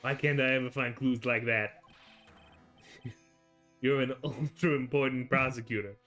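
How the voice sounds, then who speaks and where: Guy doing a blustery but deferential dim detective from a video game, eager, middle pitch, light music behind. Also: fairly even intonation, a little slow, a bit bright, natural voice. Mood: eager, earnest. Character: bumbling, eager, underpaid male police detective. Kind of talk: playful video game read-aloud.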